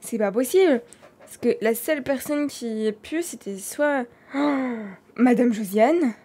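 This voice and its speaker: A French-accented woman with a fairly high voice, streaming a live game role-play. She talks in an animated, dramatic way, jumping between loud and soft. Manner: animated, dramatic, quick swings in loudness.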